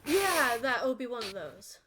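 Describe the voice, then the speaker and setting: A woman's voice: on the high side, big pitch swings, unhurried, a crowd in the background, voice pushed up. A one-armed green troll baker, as a woman puts him on, greets customers eagerly in a tabletop game. He is friendly and keen to please, a cheerful shopkeeper at heart.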